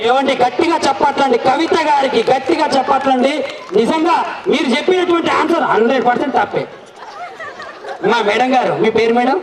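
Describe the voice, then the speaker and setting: High-voiced teasing man emceeing a wedding. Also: brisk. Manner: teasing, playful, coaxing the crowd. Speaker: event emcee. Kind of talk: joking emcee banter with guests. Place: wedding celebration with a crowd. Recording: echoey, distant mic with crowd noise. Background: crowd.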